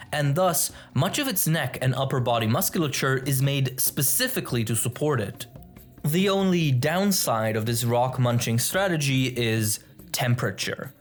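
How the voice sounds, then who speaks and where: A man reading scripted nature documentary narration in a measured, formal, expository way. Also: medium pitch.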